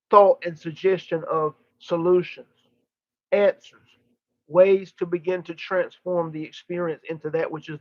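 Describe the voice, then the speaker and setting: Guy with a highish voice doing spirit medium channeling, preachy formal phrases w big pauses, kinda muffled lo-fi audio. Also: no room sound. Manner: oratorical, emphatic phrases broken by deliberate pauses. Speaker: channeler giving a live session. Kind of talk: channeled spiritual teaching, seance medium delivery.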